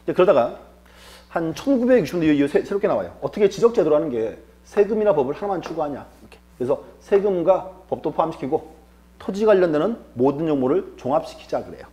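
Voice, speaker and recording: A man's voice: fairly high pitch, animated, fast talker, warm tone. A male lecturer teaching an exam-prep class, asking rhetorical questions and answering them himself, repeating key terms for emphasis.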